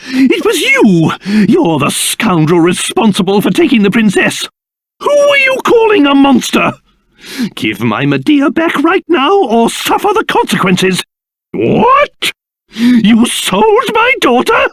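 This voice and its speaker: A man voicing an elderly, cursed little monster king in a video game, pompous, excitable and theatrical, with old-fashioned, blustering wording and a doting father's temper. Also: very high-pitched, dry recording, full character voice. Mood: indignant, blustering.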